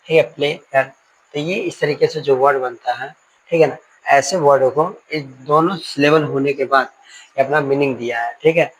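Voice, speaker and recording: A male teacher runs a live online grammar class, explaining patiently and slowly, repeating himself and dictating definitions one word at a time. His voice is medium-pitched, and the poor audio carries slight background noise.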